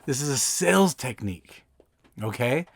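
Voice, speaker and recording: A man's voice: medium pitch, animated, normal speed, vocal fry, dry recording. A man hosting a podcast who gives casual, conversational advice and acts out his calls with clients. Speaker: podcast host.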